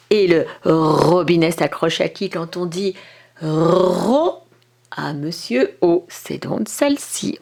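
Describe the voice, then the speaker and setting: A woman teaching parents how to run a syllable dictation. She talks slowly and deliberately, drawing out every sound for the children. Her pitch moves about in a lively, animated way. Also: gravelly. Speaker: kindergarten teacher. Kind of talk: instructional video for parents.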